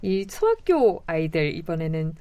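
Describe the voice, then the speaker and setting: A woman's voice: low voice, very animated, moderate pace, warm tone. A woman hosting a radio show, asking questions and linking segments in a conversational style. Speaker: radio host.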